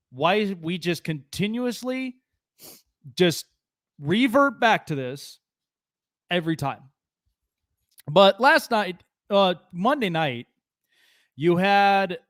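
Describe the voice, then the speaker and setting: A man's voice: high-pitched, fairly bright tone, no room sound, studio quality. A man hosting a live sports talk show, speaking in an emphatic announcer-like manner.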